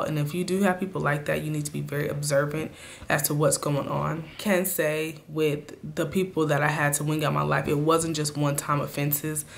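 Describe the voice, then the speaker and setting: A woman with a raspy, hoarse voice from a cold, giving earnest motivational advice straight to her viewers in a casual vlog. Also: deep voice. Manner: earnest, speaks to viewers directly. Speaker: vlogger.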